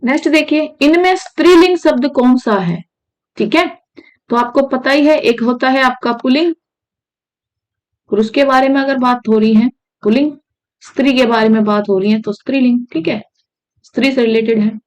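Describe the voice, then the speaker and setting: Lady teacher doing hindi grammar exam prep, a bit high voice, keeps asking the students stuff. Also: moderate pace, a little mellow, rough recording. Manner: repeats "ठीक है" often, asks students questions.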